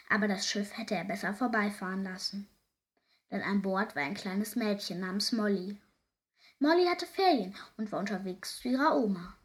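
Woman reading a children's story aloud. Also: medium pitch. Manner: lively reading with small slips.

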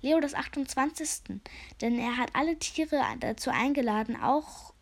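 A woman's voice: high-pitched, moderate pace, pitched above the performer's own voice. A woman voicing a polite, steadfast female tortoise who speaks in a friendly, patient way for a storybook reading.

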